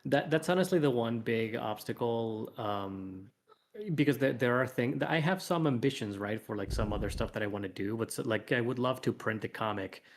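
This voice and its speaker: A comic author and animation artist talks casually as the guest on a livestream interview, thinking aloud and rambling a little while he explains. He speaks at a normal speed in a mid-range voice.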